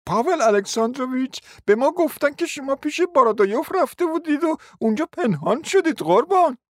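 A man voicing a sweet-voiced, mocking young woman in a high, sugary falsetto. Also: expressive, no echo, clean studio sound.

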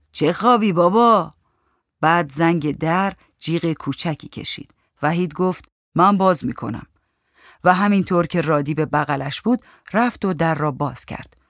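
Male storybook narrator, steady reading, dry close sound. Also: on the high side, dry recording.

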